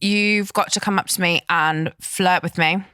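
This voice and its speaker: Bright-voiced young woman host. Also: on the low side, steady tone, measured pace, clear, resonant tone, no room sound. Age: 20s. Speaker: podcast host. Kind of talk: casual chat. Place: podcast studio.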